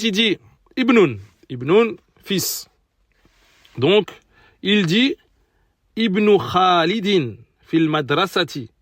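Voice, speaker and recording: A man's voice: on the high side, gravelly, a bit bright, husky, no echo, studio quality. A man teaching an Arabic lesson in French, patiently repeating and spelling out pronunciations for learners. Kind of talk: recorded language lesson.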